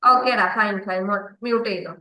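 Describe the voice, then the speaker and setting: A woman's voice: medium pitch, fairly quick, bright, forceful tone, echoey room, poor audio. A woman from Kerala teaching a kindergarten maths class online, patiently coaxing and repeating questions for the children.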